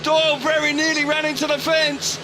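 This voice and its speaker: A man giving expert live motorsport commentary with an animated, emphatic delivery. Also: very high-pitched, a little fast, heavy background noise. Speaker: expert co-commentator, former rider.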